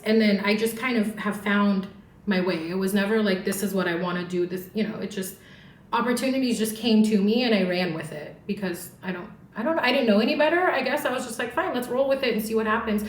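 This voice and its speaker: A woman's voice: fairly high pitch, fairly quick, reverberant. A woman in her forties from Southern California, a hairstylist talking candidly and casually, with laughs and swearing, as a podcast guest. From Orange County, California.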